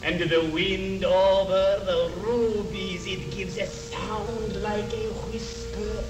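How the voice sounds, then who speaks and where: A mysterious male stage magician speaks with courtly, mystical fortune-teller formality in a high-pitched voice. He sounds like a suave hypnotist in a period drama, recorded at a distance in an echoing space. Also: animated, moderate pace, music in the background. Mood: hypnotic, coaxing. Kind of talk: theatrical period drama acting. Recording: noisy, roomy, distant film soundtrack.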